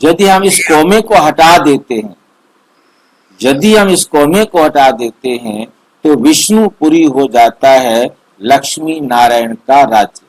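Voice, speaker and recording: A middle-aged man slowly explaining a spiritual text line by line as study leader, repeating and restating his points in an online meeting. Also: on the high side, lively intonation, rough recording. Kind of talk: slow line-by-line scripture explanation. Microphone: online video meeting.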